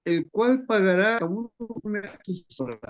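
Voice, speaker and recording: A man's voice: high-pitched, expressive, normal speed, dry recording. Man on a choppy, cutting-out call. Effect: choppy call audio that keeps cutting out. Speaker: congregation member reading scripture. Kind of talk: reading aloud in an online Bible study. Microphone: remote online call. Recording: dull, dry, choppy call line.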